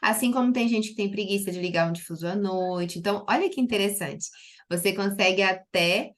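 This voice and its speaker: A woman's voice: medium pitch, fairly quick. A Brazilian woman, a doctor, giving a chatty live-stream talk to her chat, with lots of fillers and fond little words. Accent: Brazilian Portuguese. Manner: chatty and lively, with many diminutives and filler "né".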